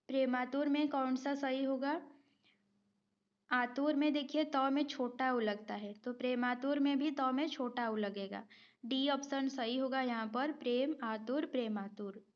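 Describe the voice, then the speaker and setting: A woman's voice: sits high, fairly even intonation, unhurried, dull audio. A woman teaching a Hindi spelling exam-prep lesson, going methodically through multiple-choice questions, repeating each word and checking with her students.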